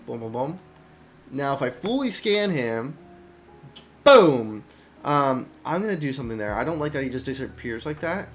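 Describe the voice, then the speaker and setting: A young man, an indie game developer, chatting casually while showing his game, rambling with many restarts and thinking aloud. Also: a little high. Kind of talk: casual dev stream chat.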